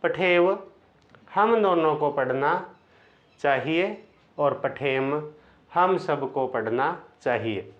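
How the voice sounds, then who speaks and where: A male Sanskrit teacher talks at a very slow, deliberate pace, drilling verb endings one by one. His voice sits a little high and he explains each step patiently, asking little questions back. The recording is dull and lo-fi. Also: expressive. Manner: chants verb forms in slow repeated drills. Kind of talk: slow classroom-style grammar lesson. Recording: dull lo-fi sound.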